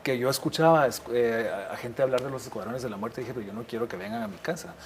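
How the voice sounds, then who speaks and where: A middle-aged man from Guatemala speaks as a guest in an interview, recounting his years as a war correspondent at an average pitch. He tells his stories reflectively and often restarts his sentences. A faint hiss of noise sits under his voice. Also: fast. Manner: reflective storytelling with frequent restarts. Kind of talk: interview conversation.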